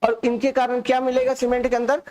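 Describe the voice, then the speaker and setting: A male instructor giving a live online lecture, speaking slowly and softly on purpose and dictating notes by repeating key terms. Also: very high voice, completely flat delivery. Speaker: exam-prep instructor.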